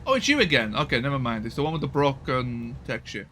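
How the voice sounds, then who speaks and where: A man's voice: mid-range voice, sing-song, fast talker, sharp tone, a little hiss or hum. A man casually commenting while playing a strategy game, thinking aloud and swearing now and then.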